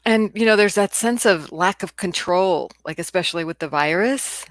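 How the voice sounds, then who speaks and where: A woman's voice: lowish voice, moderate pace, dry recording. A woman hosting a casual podcast, asking friendly, reflective questions. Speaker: podcast host.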